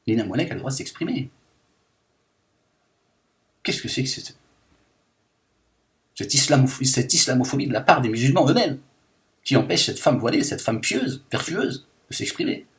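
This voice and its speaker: A man's voice: medium pitch, sing-song, normal speed, long pauses. A man voicing a self-declared liberated woman in a satirical monologue, ranting with endless fillers in mock indignation. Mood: indignant. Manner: rambling rant full of fillers, mock-indignant.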